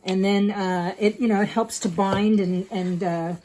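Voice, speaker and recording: A woman's voice: medium pitch, steady tone, unhurried, a little mellow, slight background noise, low-quality recording. A middle-aged woman hosting a casual home cooking demonstration, explaining each step in a chatty way with many fillers. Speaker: home cook host. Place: home kitchen.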